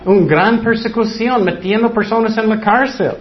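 A man's voice: high voice, normal speed, lo-fi sound, a little hiss or hum. A man preaching a sermon in plain, repetitive words, acting out short quotes.

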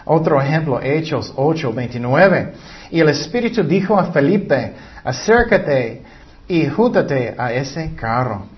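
A man delivers a sermon in Spanish, reading scripture and acting out the voices he quotes. His voice sits a little high for a man. The recording sounds dull and lo-fi. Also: animated, measured pace. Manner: reads scripture aloud and acts out quoted voices, with self-corrections. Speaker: preacher.

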